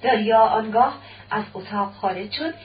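A woman narrating a dramatic radio story in a measured, expressive reading, on a dull, distant old radio recording. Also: mid-range voice, a little hiss or hum.

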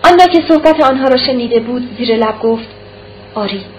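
A woman narrating a novel as an audiobook, reading in a measured, dramatic way. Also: high-pitched. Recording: dull old tape, faint hiss.

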